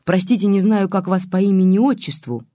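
A reader voicing a private detective, a man trying to calm an angry old woman politely. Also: sits high, normal speed, no echo, studio quality, voice pushed up, close to an everyday voice. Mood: placating. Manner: placating, polite.

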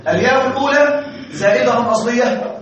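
A man teaching Arabic grammar in a classroom lecture, constantly quizzing his students and pausing for their answers. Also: very high-pitched, a bit bright. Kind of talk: classroom lecture with call-and-response questions. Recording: distant, echoey, dull lo-fi with faint hiss.

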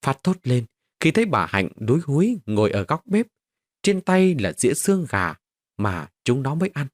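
Expressive male storyteller, dry close sound. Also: mid-range voice, moderate pace, no room sound. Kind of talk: scripted story narration.

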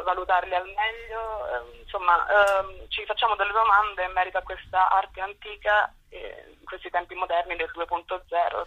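This young adult woman, a youth group spokesperson, is interviewed over the telephone and explains things casually. Her voice runs on the low side with a bright, forceful tone, heard through a muffled, rough line.

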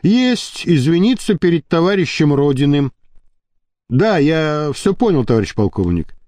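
A man's voice: fairly high pitch, very animated, measured pace, a little mellow, no echo, clean studio sound. A man voicing a humbled male police captain who answers his superior with clipped, dutiful replies. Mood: strained.

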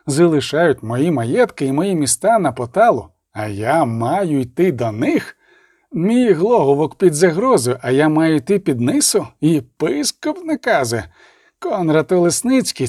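A man's voice: fairly high pitch, darkish tone, no room sound, studio quality. A man voicing a proud, furious duke who threatens and blusters in an audiobook reading. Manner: blustering, menacing.

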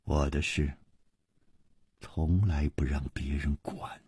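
A male storyteller voicing a cold, proud, wounded young woman in a low, hushed, curt tone with a husky voice. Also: fairly quick, no room sound, clean studio sound.

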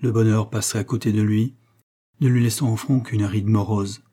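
A man reads a novel aloud in a low, mellow voice with a slightly husky edge. His delivery is measured and literary, paced like a careful audiobook narration. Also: fairly even intonation.

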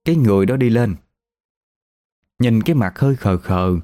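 A man's voice: mid-range voice, animated, moderate pace, warm tone. A man telling a ghost story in a chatty, conversational way. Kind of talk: casual spoken ghost story.

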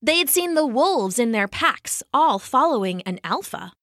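A woman reading a children's story aloud, expressive and animated. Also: high voice, unhurried, no room sound, clean studio sound.

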